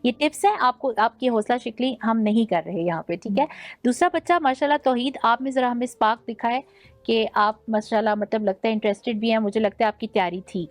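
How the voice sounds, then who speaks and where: A woman's voice: a little high, no echo. A woman judging a naat recitation contest, giving direct critiques and sprinkling English words into her Urdu. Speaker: naat competition judge. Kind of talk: judging feedback.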